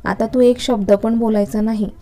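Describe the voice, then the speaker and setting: A woman's voice: fairly high pitch, steady tone, moderate pace, mellow, lightly acted. A woman reading the part of an irritable young male college lecturer in a story, speaking in a curt, scolding manner. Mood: irritated.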